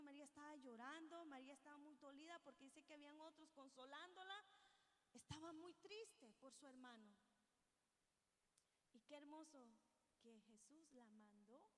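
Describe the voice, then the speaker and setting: High-voiced woman preaching with long echo. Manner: reflective, earnest, addresses listeners as brothers and sisters. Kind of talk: Bible reading and sermon.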